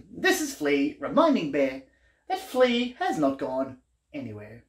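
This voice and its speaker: In a small indoor living room with an echoey sound, a man in his thirties reads a picture book to young children. His fairly high voice swings hugely in pitch as he takes it slowly, playing the exaggerated, playful storyteller and putting questions to his listeners.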